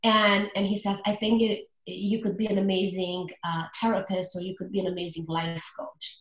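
The audio is poor and reverberant: a relationship coach in her forties, with a Romanian accent and a medium pitch that barely moves, gives earnest answers in a relaxed interview, leaning often on filler pauses.

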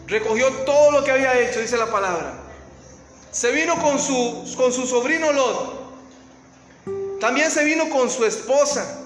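Male preacher with a Latin American Spanish accent, very high voice, dramatic storytelling sermon, recorded in a reverberant hall with faint music behind. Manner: storytelling, dramatic swings from hushed to shouting.

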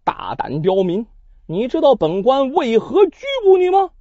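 A man voicing a stern, shrewd male prefect judge who questions a suspect in slow, severe court speech. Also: extremely high pitch, huge pitch swings, mellow, dry recording, muffled recording, heavily acted.

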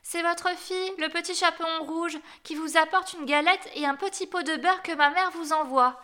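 A woman's voice: very high-pitched, steady tone, moderate pace, bright, forceful tone, pitched above the performer's own voice. A woman voicing an innocent little village girl in a storybook, speaking eagerly.

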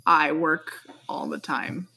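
A woman hosting a casual chat with her husband, playful and quick to laugh. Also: deep voice, level tone, creaky, pushed and bright, husky. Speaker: podcast host.

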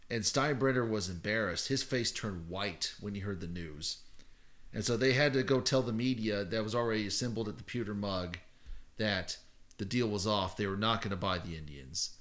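A man with a fairly low voice recounts a story in casual podcast chat. He meanders, stops to correct himself and leans on fillers as he goes. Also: moderate pace, fairly bright tone. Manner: rambling, self-correcting, many fillers. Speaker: podcast co-host.

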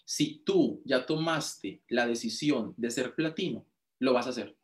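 A man's voice: mid-range voice, unhurried. Emotional Colombian man telling his story. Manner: emotional, repetitive, animated. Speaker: motivational speaker. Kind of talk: personal testimony storytelling.

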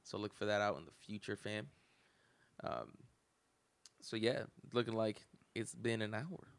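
A man's voice: lowish voice, measured pace, gravelly, smooth. A young man hosting a casual podcast chat, joking and laughing often. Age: young adult. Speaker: podcast host.

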